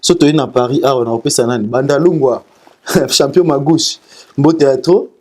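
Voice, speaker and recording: A guest singer in an interview speaks casually and sends greetings, using a medium-pitched, slightly mellow voice. He hesitates a lot, repeating syllables and restarting phrases.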